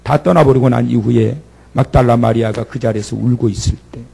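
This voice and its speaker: A man's voice: mid-range voice, steady tone, fairly quick, dark tone. A man preaching a sermon, retelling the story dramatically and acting out the speakers in it. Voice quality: gravelly. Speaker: pastor.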